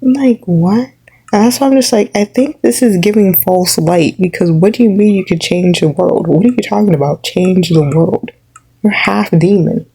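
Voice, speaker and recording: A woman's voice: medium pitch, normal speed, creaky, dark tone, slightly rough, low-quality recording. A young woman vlogger rambling through an opinionated rant, filling her talk with "like" as she goes. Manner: rambling, opinionated, heavy use of "like".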